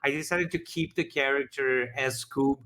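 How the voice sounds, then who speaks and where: A man's voice: mid-range voice, steady tone, normal speed, a bit bright. A man talking casually as a game master, rambling with frequent restarts while reflecting on his campaign. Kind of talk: casual after-show chat.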